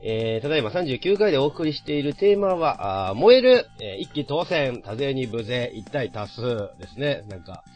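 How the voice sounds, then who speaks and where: A man hosting a chatty podcast in a slightly nasal voice, his pitch rising and falling freely. He eases along with many fillers, and faint music plays behind him. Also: normal speed, hardly any pauses. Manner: relaxed, filler-heavy talk with frequent "eh". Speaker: radio show host. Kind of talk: casual podcast chat.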